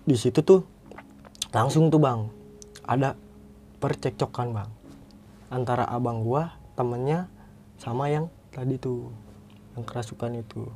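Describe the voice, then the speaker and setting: A man telling a story to the host in a relaxed, chatty way, often calling him "Bang". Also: medium pitch, a little slow, long pauses, a little hiss or hum. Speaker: guest storyteller. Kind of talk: casual storytelling.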